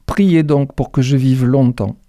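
Guy reading doing a smug mean lady boss, slow and taunting, kinda mellow voice. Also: mid-range voice, no room sound, studio quality, natural voice. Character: scheming ambitious female executive, cold and mocking.

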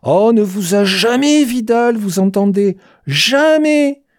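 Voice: medium pitch, sing-song, measured pace, dark tone, no echo, clean studio sound. A reader voicing a brutal, foul-mouthed male army sergeant who bellows his orders and spits out each syllable, in an audiobook. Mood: raging. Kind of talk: audiobook character voice.

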